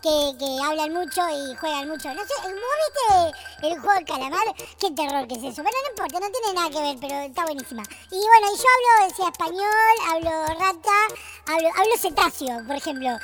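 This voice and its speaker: A squeaky chatterbox rat. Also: lively intonation, fairly quick, music in the background. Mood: playful. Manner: rambling, silly jokes, can't stop talking. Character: cheeky, nonstop-talking rat character. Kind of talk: comic character bit on a kids' show.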